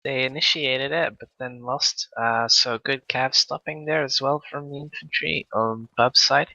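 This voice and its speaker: A man's voice: mid-range voice, fairly even intonation, a little slow, creaky, sharp tone, muffled recording. A man co-commentating a video game match, laughing easily and hesitant with many ums and uhs. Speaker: esports co-commentator.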